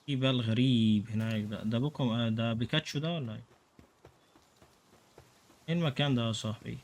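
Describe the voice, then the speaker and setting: Egyptian guy doing lets play commentary, jokey, yells at the game, mid pitch. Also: fast talker. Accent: Egyptian Arabic. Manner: joking, excitable, talks to the game. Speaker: gaming YouTuber.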